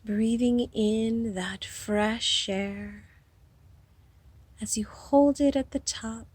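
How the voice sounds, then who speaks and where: A woman guides a hypnosis meditation, soothing and unhurried, her breathy, soft-edged voice on the high side with a steady tone. Long pauses separate her phrases.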